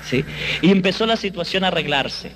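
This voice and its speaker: A man giving an emotional first-person faith testimony, earnest and dramatic, slowing down on key phrases. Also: sits high, animated, a bit bright, slight background noise.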